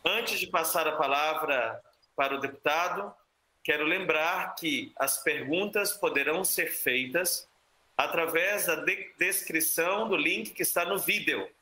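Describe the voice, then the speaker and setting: Brazilian guy hosting an online seminar, really bright tone, kinda echoey room. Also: on the high side. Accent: Brazilian Portuguese. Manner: measured, courteous announcements. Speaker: seminar moderator. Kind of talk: formal event moderation.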